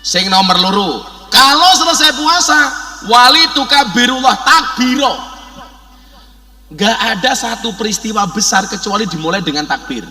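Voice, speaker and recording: Male preacher, Javanese accent, comic sermon, bright high voice, hall reverb. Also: moderate pace. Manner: joking, animated, mixes Javanese into Indonesian, shouted takbir bursts. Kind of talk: humorous sermon.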